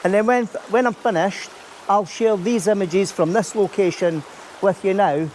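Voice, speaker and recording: A man's voice: high-pitched, moderate pace, a little mellow, a little hiss or hum. A man with a Scottish accent giving a chatty, casual outdoor vlog commentary, explaining things as he goes. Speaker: YouTube vlogger and landscape photographer. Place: outdoors by a stream under a bridge.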